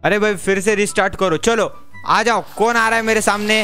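A young man talking casually on a live game stream, excitable, joking and pleading with the other players. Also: high-pitched, fairly quick, smooth. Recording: game music playing behind the voice.

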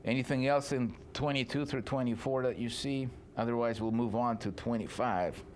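A man's voice: mid-range voice, fairly even intonation, normal speed, a little mellow, slight background noise. A man teaching a casual Bible study as pastor, chatty and laughing as he acts out scenes. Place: church classroom.

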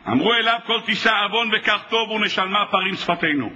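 A man delivers a sermon as a rabbi, with a high, very bright and cutting voice. He preaches with passion and acts out the conversations he quotes, as if the speakers were in front of him. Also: low-quality recording. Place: synagogue or hall.

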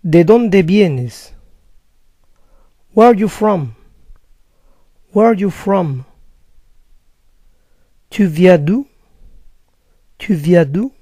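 A man leads a slow vocabulary drill, saying each phrase twice, and his somewhat high voice stays mellow. He speaks at a very unhurried, measured pace, recorded dry with no room echo. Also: animated, husky. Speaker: language teacher.

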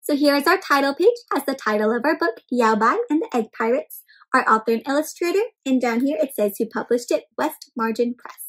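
A young woman with a high voice leads an interactive read-aloud for small children, speaking a little fast. She is expressive and keeps asking her listeners questions directly.

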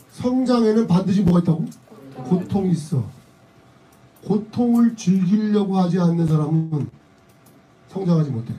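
Emphatic man with a high, dark voice. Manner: emphatic, repeats key phrases, drops into blunt casual speech. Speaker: company leader giving a motivational talk. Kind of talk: motivational seminar speech. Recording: voice a bit distant from the mic.

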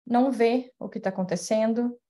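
A woman's voice: on the high side, normal speed, warm tone. A woman gives a public spiritual talk over a video call from home. She explains her points thoughtfully, with many fillers and tag questions. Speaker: speaker at a spiritist center. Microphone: webcam mic on video call.

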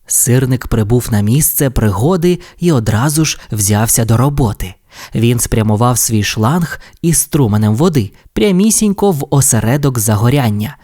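A man narrating an audio fairy tale for children, reading with lively expression. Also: medium pitch, normal speed. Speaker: storyteller.

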